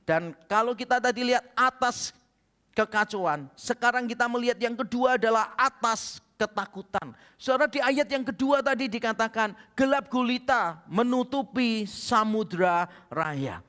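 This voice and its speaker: A man's voice: very high voice, lively intonation, normal speed, bright, forceful tone. A male pastor with an Indonesian accent, preaching a sermon with humorous stories and acted-out dialogue. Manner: humorous storytelling, acts out quoted dialogue. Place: church hall. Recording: church hall reverb.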